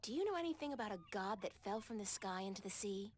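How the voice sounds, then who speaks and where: A woman's voice: medium pitch, lively intonation, quick pace, slight background noise, natural voice. An actress playing a plucky young female adventurer in a video game, asking frank, curious questions. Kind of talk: video game character acting.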